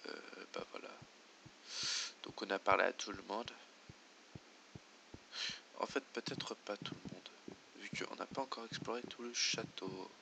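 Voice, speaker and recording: A man's voice: fairly low pitch, steady tone, unhurried, vocal fry, pauses often, pushed and bright, a little hiss or hum. A man doing let's play commentary, muttering to himself and reading game menus aloud. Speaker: gamer.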